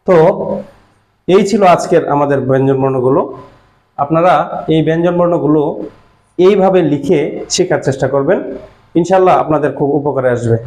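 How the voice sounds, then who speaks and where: A male teacher with a Bangladeshi Bengali accent and a voice that sits a little higher than most men's. He explains each step patiently, asking the class questions and answering them himself. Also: brisk, long pauses, darkish tone, rough recording. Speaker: language teacher. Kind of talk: classroom lesson.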